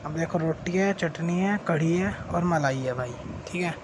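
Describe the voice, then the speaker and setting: A young man narrating his daily vlog at home in a casual, chatty way, filling his talk with "bhai" and "theek hai" and sometimes dropping to a hush. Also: on the high side, normal speed. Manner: drops to a hushed voice at night. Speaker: vlogger. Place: family home and rooftop. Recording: noisy home phone recording.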